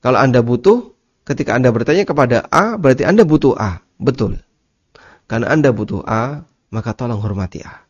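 A man giving a religious study lecture, explaining slowly, repeating key terms and asking listeners rhetorical questions. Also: mid-range voice, animated, breathy edge. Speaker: Islamic teacher. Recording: dull lo-fi lecture recording.

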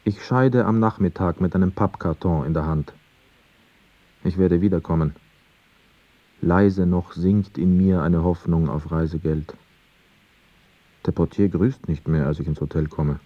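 A returned soldier, very deep. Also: male voice, steady tone, unhurried, long pauses, no echo. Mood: reflective. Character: male narrator Gabriel, a returned soldier. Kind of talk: first-person radio drama narration. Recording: slightly dull radio studio recording.

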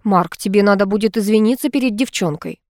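A measured, formal male king speaks to settle the room, as a woman narrating an audiobook puts him on. His delivery stays level and placating. The recording is close and dry. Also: mid-range voice, darkish tone, no echo, natural voice. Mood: composed. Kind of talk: audiobook character voice.

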